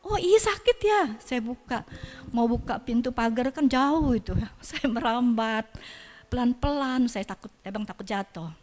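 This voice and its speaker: A woman's voice: fairly high pitch, unhurried, a little mellow, long reverb tail. An older woman sharing a personal testimony in church, telling her story with emotion and prayer, at times tearful.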